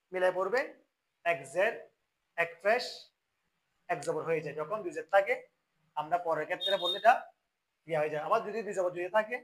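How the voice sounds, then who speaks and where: Bangladeshi guy teaching quran recitation, high voice, explains then chants the verses slow and loud. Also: rough recording. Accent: Bangladeshi Bengali.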